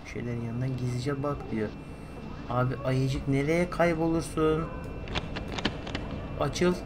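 A man's voice: mid-range voice, steady tone, measured pace. Grumbling, joking man gaming over noise. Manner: joking, grumbling, swears freely. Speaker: gaming commentator. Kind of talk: let's play commentary.

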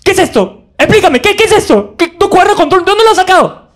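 A man voicing his frantic middle-aged mother scolding her son in a stand-up show, shrill and pleading. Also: very animated, fast, a bit bright, exaggerated voice. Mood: desperate scolding. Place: theater stage.

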